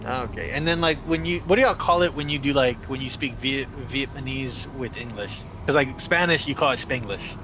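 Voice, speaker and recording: Outdoors on a noisy street, a young man streams a joking, teasing chat, laughing regularly and restarting his words. He speaks at a normal speed in a medium-pitched voice with hardly any pauses.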